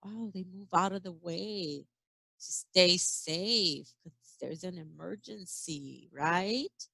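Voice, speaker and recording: This woman teacher's voice is on the low side, slow, creaky and sharp as she reads a children's picture book aloud with expression. She acts out sound effects and exclamations, adds chatty asides and questions for young listeners, and the dry recording is low in quality.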